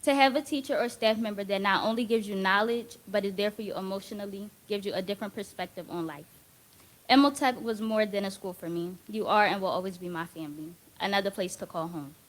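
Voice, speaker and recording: Teen girl graduate reading her speech, earnest and heartfelt, mid pitch. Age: late teens. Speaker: graduating student speaker.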